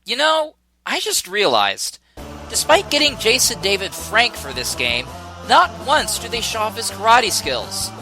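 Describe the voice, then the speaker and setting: A man delivers a comedic game review in a high, very bright voice. His pitch moves animatedly as he picks things apart with sarcasm and exasperation, over music. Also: wildly swooping pitch, unhurried. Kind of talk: scripted comedic review narration.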